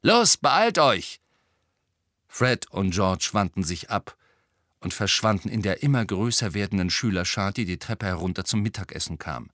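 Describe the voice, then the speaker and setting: A man narrating an audiobook in an expressive style, voicing every character. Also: low voice, normal speed, no echo. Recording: dry close studio recording.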